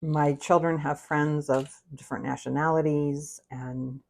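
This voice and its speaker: She's a woman in her sixties with an American accent, and her low voice has vocal fry, a fairly even intonation, and a slightly mellow quality. Unhurried and candid, she drifts through casual chat on her cooking livestream, frequently breaking off her own sentences.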